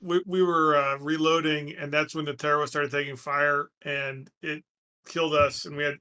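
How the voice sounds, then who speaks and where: A man playing in a group game, talking casually and haltingly over a poorly placed headset mic. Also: a little high, flat delivery, bright, forceful tone, clean tone. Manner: halting, repeats words. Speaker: player. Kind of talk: casual voice-chat talk. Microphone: poor headset mic far from the mouth.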